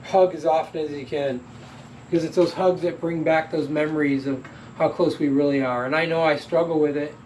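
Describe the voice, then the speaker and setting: A man's voice: fairly high pitch, darkish tone, far from the mic, slight background noise, poor audio. Candid man telling a personal story. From Toledo, Ohio. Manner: candid, reflective, blunt and earnest.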